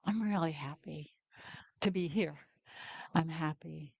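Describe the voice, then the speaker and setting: An older woman preaching a conversational sermon at a very unhurried pace, stopping often between phrases. Her voice sits somewhat low and comes across dry and close, with little room sound. She speaks candidly and personally, as a guest minister. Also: gravelly, slightly rough, no echo, muffled recording. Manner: slow, pausing, personal and candid.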